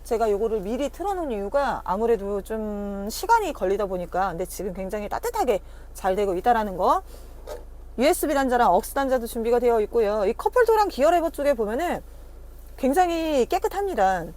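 A woman with a high voice pitches like a car dealer on a video walkaround. Her delivery swings animatedly and stays chatty and persuasive. There is clear background noise around her, as on location by a car. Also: very animated, fairly quick, darkish tone. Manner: chatty, persuasive, repeatedly addressing customers. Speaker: used-car dealer presenting a car. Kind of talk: casual sales walkaround to camera. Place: on location outside and inside a car.

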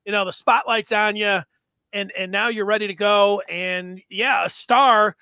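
Man in his thirties, sports podcast host on a headset, high bright voice, dry close sound, rambling and excitable. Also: measured pace, smooth, dry recording. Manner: excitable, rambling with many fillers. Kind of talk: casual sports chat. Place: home room with sports jerseys. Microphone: headset mic on video call.

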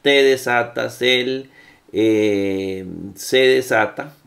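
A man's voice: medium pitch, fairly bright tone. A man teaching Greek grammar in a classroom lecture, patient and full of fillers. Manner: slow, patient, with many fillers and checks.

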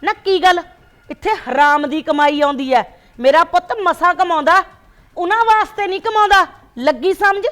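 A woman's voice: very high-pitched, moderate pace. An actress playing a domineering older grandmother who scolds and mocks her family, in a short drama film. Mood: scolding. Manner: scolding, sharp-tongued, sarcastic.

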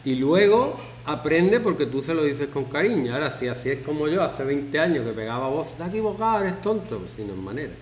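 His voice on the high side, fairly quick and with hardly any pauses, a teacher in his fifties guides students through a class activity. He's chatty and playful, acting out shouting examples, in an echoey room with faint background noise.

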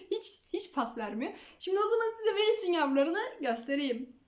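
A woman's voice: very high-pitched, big pitch swings, brisk. A young woman vlogging casually at home, talking to her cats in affectionate baby talk. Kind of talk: casual chat to camera. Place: at home, indoors. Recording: echoey room.

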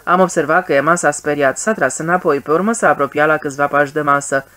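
An audiobook narrator reading a literary story in an even, measured way. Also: mid-range voice.

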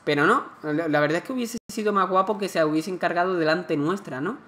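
A man's voice: sits high, fast talker, a bit bright. Joking man from narrating gameplay. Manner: chatty, joking, exclaims at the game. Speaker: gameplay commentator. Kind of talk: casual let's-play commentary. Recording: game music behind the voice. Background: game music.

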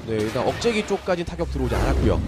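A man's voice: mid-range voice, very animated, racing, music in the background. A man giving play-by-play commentary on a live game as an esports caster.

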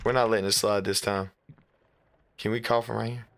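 A man's voice: fairly low pitch, little pitch movement, fairly quick, gravelly, fairly bright tone, slight background noise. A man hosting a gaming video, giving casual, slangy, incredulous commentary as he plays. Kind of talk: casual let's play commentary.

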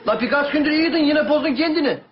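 Actor playing exasperated man, very high and scolding. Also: quick pace. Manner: colloquial, scolding. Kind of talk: comedy sketch acting. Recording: dull sound with faint music.

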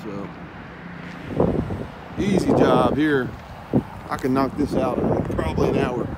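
Speaking slowly in a mid-range voice, this young pressure washing business owner talks to his viewers like friends, addressing them as "guys." The clip is a phone recording made at arm's length inside a car, parked or moving, with road noise and car and outdoor sounds behind him.

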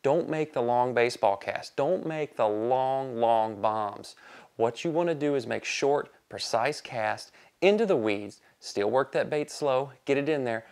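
A man's voice: medium pitch, unhurried, no room sound. A man in his thirties hosting a fishing video, explaining technique and cheering catches outdoors on a lake boat. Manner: excited on-the-water banter. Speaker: fishing show host.

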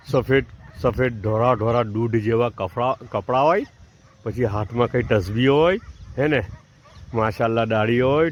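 A man's voice: a little high, a little mellow, a little hiss or hum. A man from Gujarat, India, talking as a religious vlogger and preaching while he films. He keeps asking his listeners "right?" as he explains. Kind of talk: preachy vlog commentary. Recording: dull, lo-fi sound with clear background ambience.

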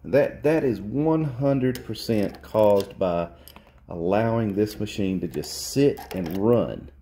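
A man's voice: fairly low pitch, animated, slow, dark tone. A man in a cluttered workshop showing a repair on camera, blunt and lecturing, repeating his points for emphasis. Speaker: repair technician. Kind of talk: hands-on repair demonstration. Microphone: handheld phone camera close to the work.

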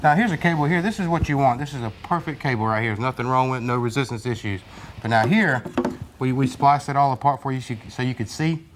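A man's voice: medium pitch, fast talker, a little hiss or hum. A man in his thirties, a technician and instructor, explaining repairs plainly in a large workshop on a lapel mic. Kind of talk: hands-on repair demonstration.

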